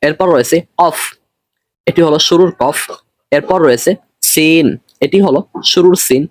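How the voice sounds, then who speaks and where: A man teaching Arabic letters in an online lesson, patient and repetitive, stretching each letter name slowly, with a Bangladeshi Bengali accent. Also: fairly high pitch, dry recording. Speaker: Quran reading teacher.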